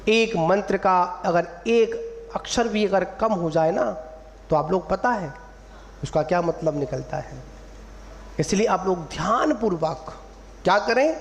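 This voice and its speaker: Sitting high and animated, this Jain monk's voice moves unhurriedly as he preaches to an assembly, stretching syllables to teach pronunciation and putting questions to the audience in a teacherly way. The hall gives a long reverb, with a faint room ambience.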